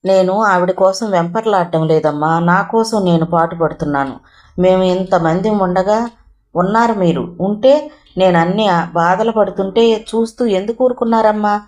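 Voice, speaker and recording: A woman's voice: mid-range voice, moderate pace, darkish tone, natural voice. Woman reading as a bitter defiant young woman. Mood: reproachful. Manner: bitter, reproachful. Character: defiant hurt young woman, quick-tempered.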